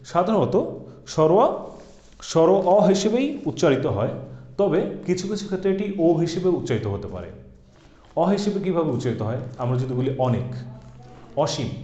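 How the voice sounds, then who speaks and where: A man's voice: fairly high pitch, mellow. A man giving a recorded exam-prep grammar lecture, explaining step by step and repeating example words. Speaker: grammar teacher. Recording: echoey room, dull lo-fi sound.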